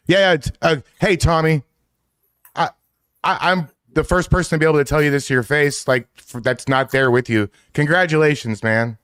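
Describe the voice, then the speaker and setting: A man's voice: fairly high pitch, steady tone, moderate pace, a bit bright, clear, resonant tone, dry recording. A man co-hosting a casual livestream panel, talking in a rambling, upbeat way full of swearing. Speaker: stream co-host.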